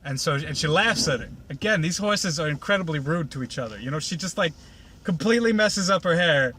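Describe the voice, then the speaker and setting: A man's voice: on the high side, expressive, a little fast, pushed and bright. A man casually retelling a cartoon episode in a rambling, sarcastic way, full of fillers, while riding in a car.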